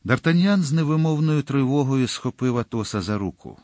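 A man reads a classic adventure story in a measured, dramatic way, at a middling pitch. The recording is dry and close, with no room sound at all. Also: lively intonation, darkish tone, no echo. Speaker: narrator. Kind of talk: audiobook narration.

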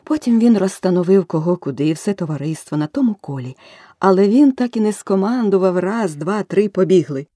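A woman narrating a children's storybook aloud with expressive, varied delivery. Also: medium pitch, a little fast, dry recording, clean studio sound.

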